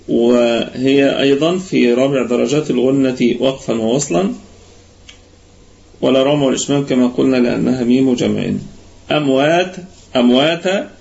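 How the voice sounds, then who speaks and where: A man with an Egyptian Arabic accent teaching Quran recitation in an online lesson, patiently explaining and stretching words out slowly to demonstrate them. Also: on the high side. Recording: muffled online voice-chat audio.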